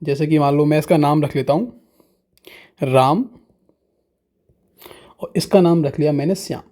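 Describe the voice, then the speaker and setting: Guy teaching fractions to kids, slightly high but mellow voice, asks stuff then answers it himself. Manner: slow, patient, asks questions and answers them himself. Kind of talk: explaining fractions to students.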